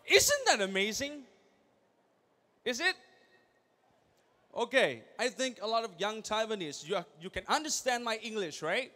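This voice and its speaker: A young man speaks on stage at a big convention, his voice sitting high for a man. He is energetic and keeps throwing questions out to the audience, pushing them to answer. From Thailand. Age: young adult. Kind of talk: motivational stage speech. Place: large convention hall.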